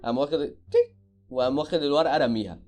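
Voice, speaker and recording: A man with an Egyptian accent giving casual reaction commentary on videos, full of loud exclamations and repeated cries of disbelief. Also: medium pitch, racing. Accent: Egyptian Arabic.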